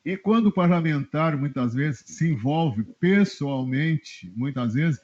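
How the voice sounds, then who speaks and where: A middle-aged man talks as a guest on a web radio interview, spinning lively anecdotes and chuckling often. His voice sits a little high yet sounds mellow and husky. The audio comes through dull and lo-fi. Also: a little slow. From Rio Grande do Sul, Brazil. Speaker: journalist guest, press adviser. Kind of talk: casual interview storytelling.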